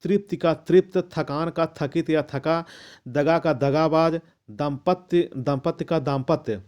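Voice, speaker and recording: A man reading out a long list of word pairs as a lesson, measured and methodical, with the odd restart. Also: a little high, a little mellow, dull audio. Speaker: teacher reading a Hindi vocabulary list. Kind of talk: slow recitation of word pairs.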